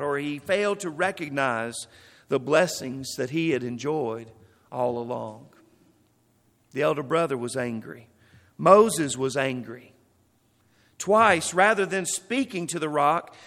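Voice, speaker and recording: High-voiced preacher in a reverberant hall. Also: male voice, fairly bright tone. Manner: reads scripture aloud, then comments on it. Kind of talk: sermon reading and explaining scripture.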